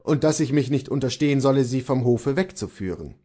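An aggrieved male stable servant tells his master what happened in a storybook reading, voiced by a man. The voice stays close to the reader's own, plain and low-key, with a lively rise and fall. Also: fairly quick, natural voice.

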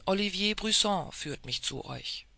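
A reader playing a proud male officer, speaking emphatically in a raised, gravelly voice. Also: medium pitch, expressive, unhurried, pushed and bright, dry recording, exaggerated voice. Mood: polite.

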